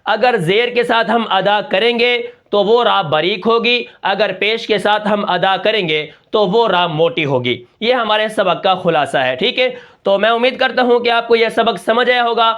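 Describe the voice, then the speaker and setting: Guy with a high voice teaching a recitation lesson, keeps asking his own questions then answering them. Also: few pauses, fairly bright tone, lo-fi sound. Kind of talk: tajweed lesson.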